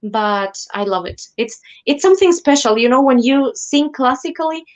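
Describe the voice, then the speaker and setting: A woman's voice: high-pitched, expressive, moderate pace. A young woman from Ecuador, a classical singer, telling her story as a guest on a live online show. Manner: earnest, enthusiastic storytelling. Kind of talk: live stream interview.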